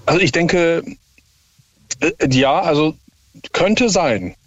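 A man's voice: fairly high pitch, takes it slowly, a bit bright, no room sound, muffled recording. A man calling in to a radio guessing game, hesitant and giving short denials. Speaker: caller.

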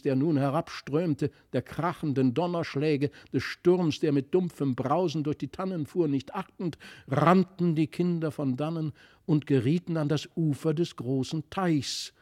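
A man's voice: fairly high pitch, unhurried, no echo, clean studio sound. Dramatic male fairy-tale narrator. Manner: expressive, dramatic storytelling.

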